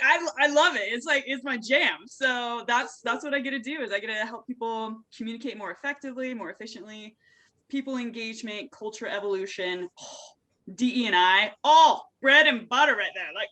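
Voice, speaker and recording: Exuberant, slangy woman with a raised pitch. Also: brisk, pushed and bright. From United States. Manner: exuberant, slangy, high-energy. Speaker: podcast guest, communication coach. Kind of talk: casual interview chat.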